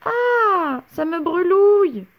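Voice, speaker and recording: A woman voicing a cheeky little boy in a storybook reading, with a high childish whine. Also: fairly even intonation, drawn-out words, gravelly, lo-fi sound, exaggerated voice. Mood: whimpering.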